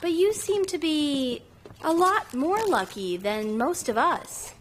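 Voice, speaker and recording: A woman's voice: high voice, animated, slow. An actress dubbing a woman who lectures a friend for complaining, in an English dub of a TV drama. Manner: scolding, lecturing. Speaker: friend scolding a coworker. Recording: faint background noise.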